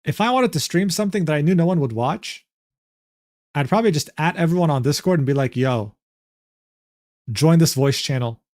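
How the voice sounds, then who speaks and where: A man's voice: fairly high pitch, expressive, fast talker, darkish tone, no room sound, clean studio sound. A man streaming live, talking brashly and profanely while reacting to clips.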